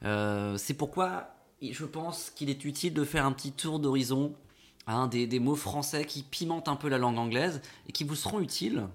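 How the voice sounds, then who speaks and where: Stammering French comedy co-host. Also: male voice, medium pitch, lively intonation, moderate pace. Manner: rambling, stammering repetitions. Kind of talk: comedic radio banter.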